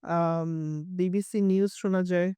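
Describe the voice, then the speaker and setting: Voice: mid-range voice, flat delivery, measured pace, warm tone, clear, resonant tone, no room sound, clean studio sound. An IELTS teacher with a Bengali accent gives a bilingual lesson, explaining carefully and repeating example words to demonstrate them.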